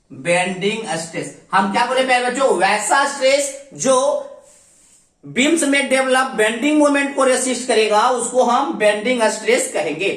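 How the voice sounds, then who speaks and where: A woman teaching an engineering class, with a fairly high voice. She repeats each term as a question and answers it herself, slipping English terms into her speech. The sound comes from away from the mic, in an echoey room. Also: a bit bright, far from the mic. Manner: often addresses students as dear children. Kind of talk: recorded online class lecture.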